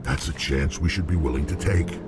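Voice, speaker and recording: A man voicing a blunt, brooding, angry alien warrior in a video game, with a gruff, gravelly rumble. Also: brisk. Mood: angry, pleading. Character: angry, gruff alien krogan warrior, loyal but wary. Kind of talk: dramatic video game acting.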